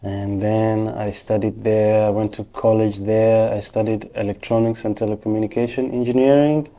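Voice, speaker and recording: His voice is fairly low and warm, delivered flatly at normal speed. The speaker, a Rwandan technician and financial professional appearing as an interview guest, answers casually and steps patiently through each point.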